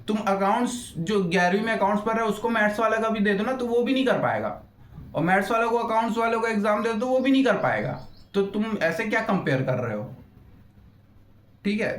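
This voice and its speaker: A young man and YouTuber ranting in an unscripted roast, blunt and crude, swearing freely and losing his thread as he rambles. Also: high voice. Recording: echoey room.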